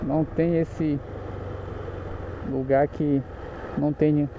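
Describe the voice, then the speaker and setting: A chatty man with a Paraense Brazilian accent, a little higher-pitched than most men, talks while riding a motorcycle through the streets. He jokes and corrects himself as he goes. The sound is muffled, with loud engine and traffic noise behind him. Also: little pitch movement, slow. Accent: Paraense Brazilian Portuguese. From Pará, Brazil. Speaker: motorcycle vlogger. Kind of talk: casual chat while riding.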